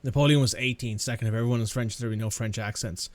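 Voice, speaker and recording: A man's voice: mid-range voice, fairly even intonation, quick pace, no room sound. Guy doing a let's play, sarcastic and casual, swears a lot, dry close sound. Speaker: gaming channel host.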